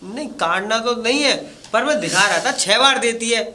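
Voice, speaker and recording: A man's voice: very high-pitched, animated, moderate pace, sharp tone, exaggerated voice. A man acting in a rural comedy sketch as a boastful, flirtatious village bachelor who teases and drawls his words.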